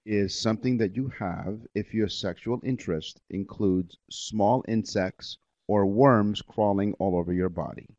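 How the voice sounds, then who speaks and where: A man's voice: on the low side, measured pace, hardly any pauses, a little mellow, no room sound. A man hosting a comedy podcast, reading out odd facts with dry humor. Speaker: podcast host. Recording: dull lo-fi podcast audio.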